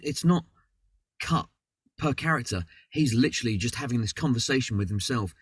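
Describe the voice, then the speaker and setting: A man with a London accent, talking as a guest on a podcast call in a loose, rambling way with plenty of "sort of" and restarts. His voice is a little husky and dry, and he sounds set back from the mic. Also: medium pitch, lively intonation, normal speed, dry recording, far from the mic. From London, England. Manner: rambling, chatty, self-deprecating with many fillers. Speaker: voice actor guest. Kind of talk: casual interview chat. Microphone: video call.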